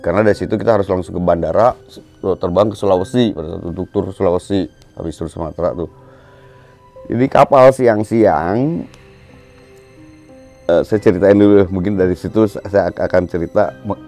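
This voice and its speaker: A middle-aged man from Bandung, a band musician, telling a story in an animated way on a casual podcast and acting out scenes with sound words. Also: low voice, a little fast, pauses often, faint music behind. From Bandung, Indonesia.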